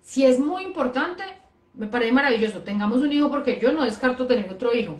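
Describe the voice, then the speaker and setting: High-voiced woman chatting in an echoey room. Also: animated, fast. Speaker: host, life coach. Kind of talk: casual chat.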